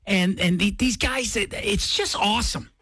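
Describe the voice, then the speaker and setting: A woman's voice: mid-range voice, moderate pace, fairly bright tone, husky, dry recording, clean studio sound. A woman hosting a radio morning show, chatting casually and enthusiastically. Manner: conversational, enthusiastic.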